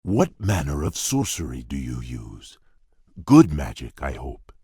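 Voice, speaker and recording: A courtly fairy-tale beast prince for a video game, with a deep and heavily husky voice. He speaks slowly and formally, gruff yet shy and earnest. The sound is close and dry. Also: wildly swooping pitch, mellow, no room sound, exaggerated voice. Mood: curious, wary. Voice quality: husky, deep, gravelly rumble. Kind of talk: video game character voice lines.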